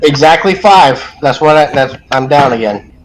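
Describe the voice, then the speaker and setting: A man playing a tabletop game, talking in halting starts while he checks rules. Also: fairly high pitch, expressive, background noise. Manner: halting, asks rules questions. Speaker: player.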